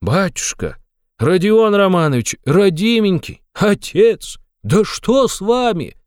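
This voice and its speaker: A man's voice: medium pitch, lively intonation, normal speed, a little mellow, no room sound, studio quality, natural voice. A man voicing a sly, fussy middle-aged male investigator who talks in a wheedling, fawning way with sly asides. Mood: alarmed.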